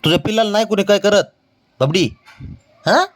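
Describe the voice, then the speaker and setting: A man soothing his pet in gentle baby talk, coaxing it and repeating calm reassurances over and over. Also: high voice, brisk. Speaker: pet owner vlogger.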